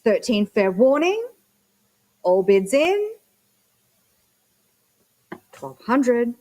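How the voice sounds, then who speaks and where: A woman's voice: on the high side, sing-song, extremely slow, dark tone, poor audio. Woman auctioneer calling bids. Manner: repetitive auctioneer chant of numbers and prompts. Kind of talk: live auction bid calling with lot descriptions.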